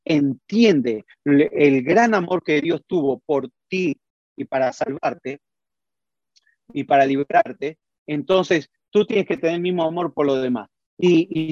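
A man preaching a sermon, telling Bible stories in a lively way and acting out the characters with voices. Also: on the high side, no echo, highs cut off. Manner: lively storytelling, acts out Bible scenes with voices.

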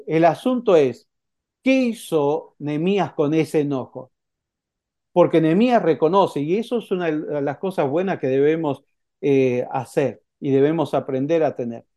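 A man preaching with a Rioplatense Spanish accent, his voice sitting a bit higher than most men's. The tone is mellow and dark rather than bright. He talks to the congregation conversationally and keeps checking in with a quick "eh?". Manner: conversational preaching with frequent "¿eh?" tags and acted quotes. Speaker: pastor. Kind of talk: sermon.

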